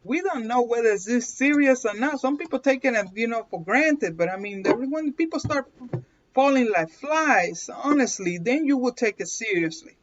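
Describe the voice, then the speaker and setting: A woman with a Puerto Rican accent and a slightly high, animated voice hosts a live card reading at a moderate pace. She's talkative, laughs often, and keeps asking "okay?", with dull lo-fi sound and slight background noise.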